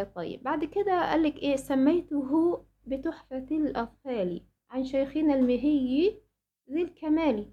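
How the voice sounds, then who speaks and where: A woman's voice: high-pitched, darkish tone, muffled recording. A woman with an Egyptian accent teaching a Quran recitation lesson to female students. She poses rhetorical questions, answers them herself, and often hesitates and restarts. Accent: Egyptian Arabic.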